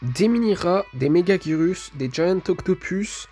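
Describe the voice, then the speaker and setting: A man's voice: high-pitched, animated, a little slow, dark tone, soft background music. A man, casually commenting on a mobile game while opening rewards, hesitant and full of fillers. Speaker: gaming video creator.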